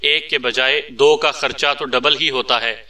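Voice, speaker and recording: A man's voice: medium pitch, steady tone, measured pace, pushed and bright. A man voicing a joking, witty male secret agent in a read-aloud story, with a playful, teasing manner. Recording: distant mic.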